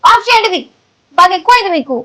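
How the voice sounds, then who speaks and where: A bossy, indignant schoolteacher bickers with her rival. Her voice is very high and she talks fast. It is a comedy sketch. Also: animated, noisy background. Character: bossy young female teacher, petty rival.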